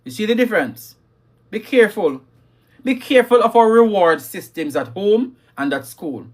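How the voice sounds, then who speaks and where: A man's voice: high-pitched, expressive, normal speed. A man hosting a live talk on parenting, emphatic and scolding, repeating his key lines and reading viewer comments. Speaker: livestream host.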